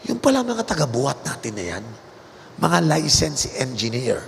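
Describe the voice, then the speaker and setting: A man's voice: mid-range voice, sing-song, moderate pace, creaky. A man with a Filipino accent preaching a sermon, emphatic and mixing English into his talk. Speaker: bishop and pastor. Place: large convention hall. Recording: long hall reverb, faint noise.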